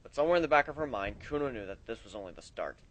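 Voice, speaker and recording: A man reading fan fiction aloud, expressive, his loudness rising and falling with the story. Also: medium pitch, very fast, rough recording.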